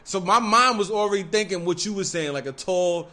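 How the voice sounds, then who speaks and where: A young man telling a wild story in casual, profane street slang, rambling with lots of fillers and growing animated. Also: high voice, fairly quick. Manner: animated, breaks into laughter. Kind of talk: casual chat.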